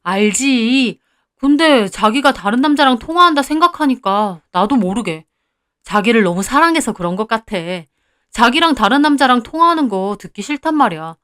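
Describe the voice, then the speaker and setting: A woman's voice: a little high, lively intonation, moderate pace, lightly acted. A woman voicing a jealous, moody young boyfriend in a storybook-style drama, talking curtly and sulkily. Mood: wheedling. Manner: curt, sulky, then wheedling.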